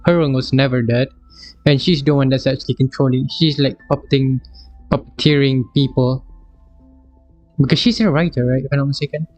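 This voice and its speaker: A man live-streaming his reaction to a game story, musing aloud in loose, rambling sentences that often restart. His voice sits at an ordinary middle pitch. Faint music plays in the background. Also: a little mellow, no room sound. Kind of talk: casual live reaction chat.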